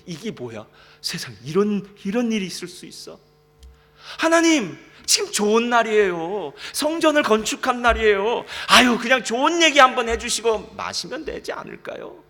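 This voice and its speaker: A man preaching a sermon as a pastor, talking lively and conversational, often asking the congregation questions. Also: high voice. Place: church sanctuary. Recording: reverberant church hall.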